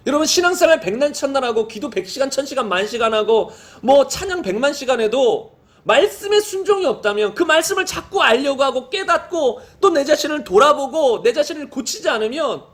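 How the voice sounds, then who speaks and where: A male pastor with a notably high-pitched voice delivers a Sunday sermon. He reads scripture aloud slowly and solemnly, then presses his points with repeated rhetorical questions to the congregation. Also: sing-song, a bit bright.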